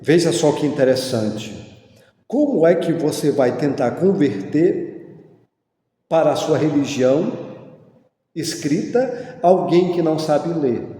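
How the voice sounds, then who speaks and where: A man lecturing on mythology and religion, explaining deliberately and posing rhetorical questions. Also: mid-range voice, dark tone. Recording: echoey hall with long reverb.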